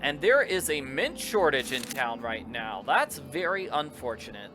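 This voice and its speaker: A man's voice: medium pitch, very animated, unhurried. A man giving casual, joking commentary while playing a video game, reading out viewer chat. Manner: joking, rambling, reads chat aloud. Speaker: let's play host. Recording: game music playing underneath.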